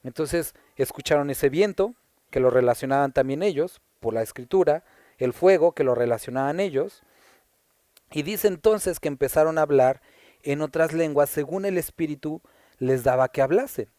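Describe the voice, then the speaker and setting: A Mexican pastor with a Puebla accent talks through a Bible passage verse by verse, pausing to ask his listeners rhetorical questions. His voice sits a little high but sounds mellow. The recording is dry and close. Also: dry recording. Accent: Puebla Mexican Spanish. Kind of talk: conversational Bible teaching.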